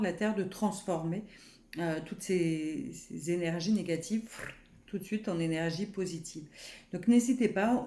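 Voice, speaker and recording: A woman speaking French as a personal development coach, guiding listeners gently with many pauses and fillers. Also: fairly low pitch, echoey room. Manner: soft, unhurried, guiding with many fillers and restarts; counts slowly through a breathing exercise. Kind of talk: gentle personal growth video talk.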